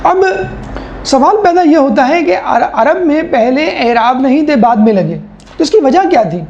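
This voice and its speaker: A woman's voice: high voice, expressive, darkish tone, reverberant, dull audio, a little hiss or hum. A woman lecturing as a teacher, explaining step by step with rhetorical questions and mimicking how people talk. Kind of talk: classroom lecture.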